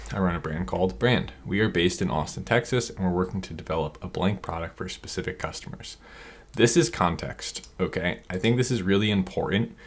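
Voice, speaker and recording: Low-voiced energetic man. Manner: energetic, rambling, self-interrupting. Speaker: online seller coach. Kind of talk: screen-share tutorial.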